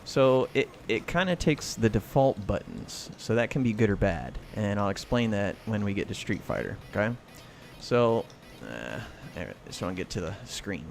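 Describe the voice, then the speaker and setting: An American livestream host chats casually and comments while he plays, his fairly low voice swinging widely in pitch at a moderate pace with a slightly mellow quality. The recording is clear, with faint music, game sounds and clacking arcade buttons behind him.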